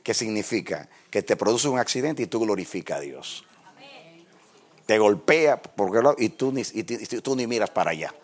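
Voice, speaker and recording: A man preaching a sermon, telling stories in an animated way that swings from quiet asides to shouting before a congregation. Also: lowish voice, moderate pace.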